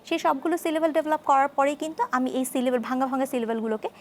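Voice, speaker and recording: A woman speaking as a speech therapist guest on a studio talk show, explaining in a measured way and repeating key terms. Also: high-pitched, slight background noise.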